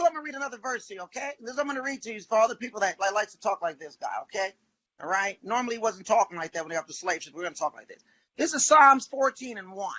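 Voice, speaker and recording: Preachy guy in a debate, bright raspy voice, kinda muffled audio. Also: very high-pitched. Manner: preachy, mocking, reads scripture slowly. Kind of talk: heated debate.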